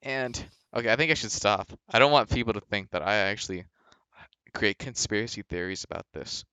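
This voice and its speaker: A man's voice: lowish voice, fairly quick, bright, forceful tone, clean tone, no room sound. A young man co-hosting a casual podcast, rambling through jokey conspiracy theories and stories. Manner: rambling, joking conspiracy storyteller. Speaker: podcast co-host. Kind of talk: casual chat.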